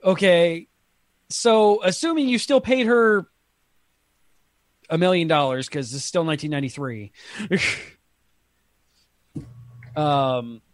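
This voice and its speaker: A man's voice: fairly high pitch, slow pace, long pauses, no room sound. A man co-hosting a podcast review in casual chat, blunt and opinionated, laughing easily. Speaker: podcast co-host.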